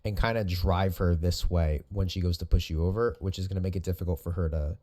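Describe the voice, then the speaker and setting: A man's voice: deep voice, steady tone, brisk, a little mellow. A man in casual commentary, coaching jiu-jitsu as he breaks down sparring footage, easygoing and rambling, often correcting himself.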